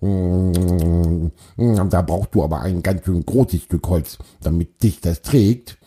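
A man's voice: deep voice, slow pace, mellow, slightly rough, exaggerated voice. A man voicing a cheerful, hardworking male beaver in a children's story, easygoing and kindly.

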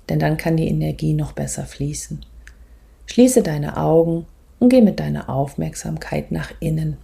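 Woman, spiritual coach, low-pitched, husky and breathy, gentle measured delivery, reflective meditation guidance. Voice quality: husky, creaky, breathy at phrase ends. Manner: measured, gentle instructing with pauses.

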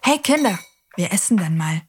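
A woman's voice: mid-range voice, sing-song, moderate pace, slight background noise. A woman hosting a children's show who talks to the kids directly in a cheerful, reassuring way.

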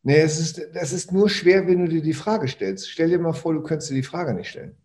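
A man's voice: on the high side, fairly quick, a little mellow. A man, a personal development trainer, talking animatedly in a casual podcast conversation, repeating words and swearing offhandedly.

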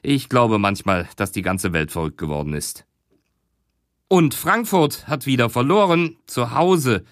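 A man's voice: medium pitch, lively intonation, a little slow, a bit bright, no room sound, studio quality. A man reading an audiobook, voicing a tired, cynical male detective. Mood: weary.

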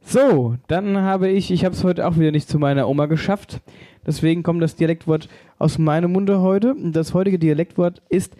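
Mellow co-host, dry studio. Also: male voice, on the high side, normal speed, no echo. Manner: relaxed, agreeable, short interjections. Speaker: podcast co-host. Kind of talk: casual chat.

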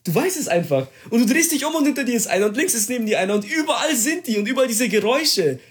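A young man in casual chat, telling a story with excitement, slang and swearing. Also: extremely high pitch, fast talker.

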